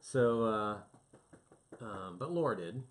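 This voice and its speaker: A man's voice: lowish voice, animated, takes it slowly. Easygoing middle-aged male co-host. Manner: easygoing, reads shout-outs, laughs often. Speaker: podcast co-host. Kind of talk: casual chat.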